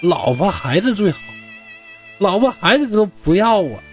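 A man's voice: high-pitched, very animated, moderate pace, soft background music, pitched above the performer's own voice. A man playing hearty scholar Zhou, Northeastern accent. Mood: pleading, hearty. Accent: Northeastern Mandarin. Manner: hearty, pleading, colloquial. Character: blunt, warm-hearted middle-aged scholar Zhou.

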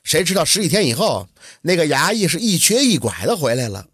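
A man telling a folk tale in a lively, colloquial storytelling manner. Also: on the high side, fairly quick, breathy edge, no echo, studio quality.

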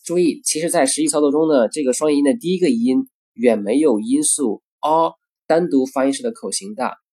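A man teaching pronunciation, saying each example word twice in a deliberate way. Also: mid-range voice, mellow, husky. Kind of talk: pronunciation lesson.

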